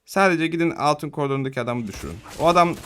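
A man's voice: fairly high pitch, expressive, rapid-fire, a bit bright, a little hiss or hum. A young man giving casual, slangy live commentary on his own match, chatting to viewers and teammates. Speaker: gaming streamer.

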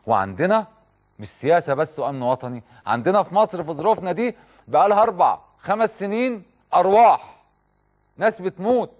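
A man's voice: sits high, lively intonation, a little fast. A man with an Egyptian accent hosting a TV talk show, delivering an impassioned studio monologue full of rhetorical questions and direct appeals.

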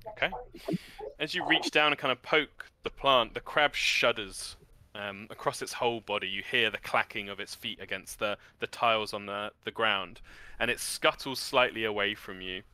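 A man with a low, very bright and clear voice runs a tabletop game. He narrates descriptively, improvising and pausing to find his words. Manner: descriptive, halting as he searches for words. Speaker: game master.

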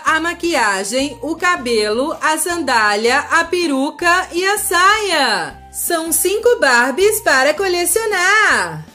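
A Brazilian woman presents toys to young children in a very high voice. She takes her time, with a sing-song, exclamatory delivery. Music plays behind her narration. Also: fairly bright tone. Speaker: children's toy channel host. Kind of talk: toy unboxing narration for children. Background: background music.

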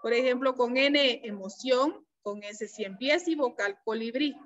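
High-voiced woman teacher on a video call. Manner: slow, patient explaining with frequent checks. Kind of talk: online class lesson. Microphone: computer mic on a video call. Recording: dull, lo-fi video-call audio.

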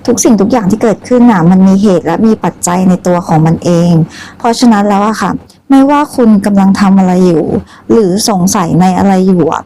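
A woman giving a spiritual tarot reading, talking in a soft, conversational way with many polite particles. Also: mid-range voice, slight background noise, rough recording. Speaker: tarot reader.

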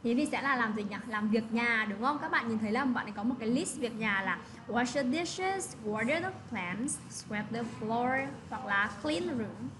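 A woman teaches children English and says each word again slowly, checking that they follow. Her voice sits a little high. Steady noise runs under the recording. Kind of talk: classroom lesson explaining vocabulary.

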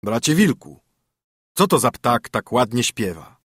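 A man's voice: medium pitch, big pitch swings, a little slow, a bit bright, husky, no room sound, studio quality, exaggerated voice. A man narrating an audiobook voices a nosy, rude male bear who speaks in a scornful, blustering way.

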